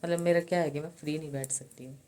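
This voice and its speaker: An older woman chatting quietly in a casual home vlog at night, speaking softly and slowly so she won't wake her sleeping husband. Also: low voice, fairly even intonation. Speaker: vlogger.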